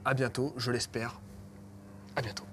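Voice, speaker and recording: A man in his thirties telling a personal story to camera in a casual, animated way, acting out bits of dialogue and poking fun at himself. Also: medium pitch, normal speed, noisy background. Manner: animated, acts out dialogue, self-mocking. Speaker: YouTuber. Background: loud background music.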